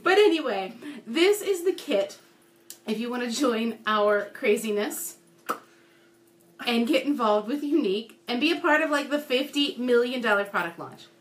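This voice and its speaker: A woman's voice: on the high side, lively intonation, normal speed, slight background noise. A woman co-hosting a casual live stream, bubbly and giggly, chatting and greeting viewers by name. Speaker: co-host of a live makeup stream.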